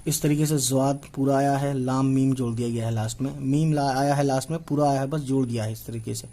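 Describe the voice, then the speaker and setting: A man's voice: medium pitch, steady tone, fast talker, mellow. A man in his twenties teaching a writing lesson, patiently repeating and spelling out letters one by one. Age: 20s. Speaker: Urdu teacher.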